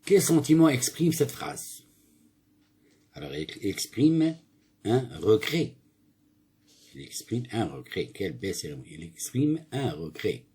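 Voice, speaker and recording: This lowish, warm voice has a breathy edge and a sing-song lilt, and he takes his time, pausing often. As a primary school teacher running a grammar lesson, he reads and explains exercises, answers his own questions, and corrects slips.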